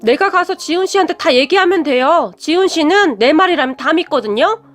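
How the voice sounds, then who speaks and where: A brazen, scheming young woman, put on by a woman narrator in an audio story. She talks back defiantly, in a sharp voice pitched even higher than the narrator's own high voice. The reading sounds shrill and self-assured. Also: a little fast, faint music behind.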